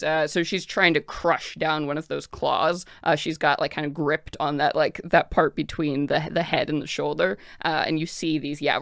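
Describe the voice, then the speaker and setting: A woman narrating a tabletop game as game master, improvising in a casual, excitable way with lots of filler words. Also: low voice, creaky, no echo, studio quality.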